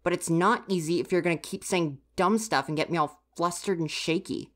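In an ASMR roleplay addressed directly to the listener, a woman voices a grumpy university-age stagehand, using a low pitch that stays close to an everyday voice. She comes across huffy, exasperated and easily flustered, full of sighing reproach, at a moderate pace.

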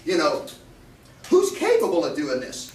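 A man preaching a fiery revival sermon at a pulpit microphone, quoting scripture in old King James wording and rising into shouts. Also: on the high side, huge pitch swings, a little slow, reverberant, recorded from a distance, a crowd in the background.

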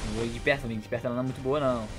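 A young man, commentating his own gameplay excitedly on a headset mic and calling his viewers family. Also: medium pitch, racing, faint music behind. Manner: hyped, slangy, keeps addressing viewers as family. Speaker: gaming youtuber.

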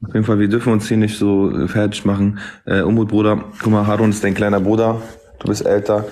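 A man's voice: lowish voice, little pitch movement, quick pace, a little mellow. A man mediating a livestream quarrel, soothing and placating, repeating reassurances. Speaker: mediator in live stream. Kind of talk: calming casual talk.

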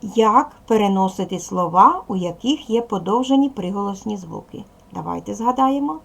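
A woman teacher with a Ukrainian accent, giving a slow and clear lesson to young pupils and spelling out sounds one by one. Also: medium pitch, animated. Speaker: primary school teacher. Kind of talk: slow, clear classroom instruction.

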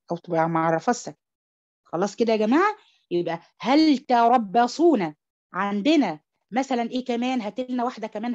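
A woman with an Egyptian Arabic accent teaching a tajweed class online, moving between Arabic and English. She asks her students questions and leads them through examples. Her voice comes through dull, lo-fi call audio. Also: mid-range voice. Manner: animated, coaxing students with questions. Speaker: Quran recitation teacher. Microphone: computer mic on an online call.

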